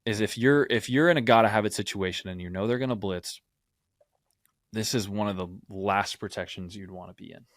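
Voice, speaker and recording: A man's voice: on the low side, brisk, no room sound, clean studio sound. A man co-hosting a football podcast, explaining plays from game film and often checking in with "right?". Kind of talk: film breakdown.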